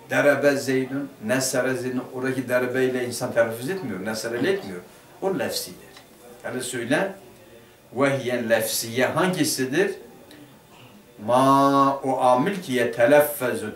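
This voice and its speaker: A man's voice: medium pitch, normal speed. A man teaching a grammar lesson, asking the class questions and then answering them himself. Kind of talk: Turkish madrasa lesson explaining a grammar text. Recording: roomy classroom picked up from a distance.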